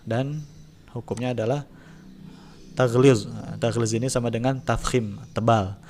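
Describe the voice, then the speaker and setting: A man teaching a tajwid lesson, in a relaxed explaining voice, slowly drawing out recitation examples. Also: medium pitch, a little hiss or hum. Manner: slow drawn-out recitation demos between relaxed explanations. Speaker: religion teacher.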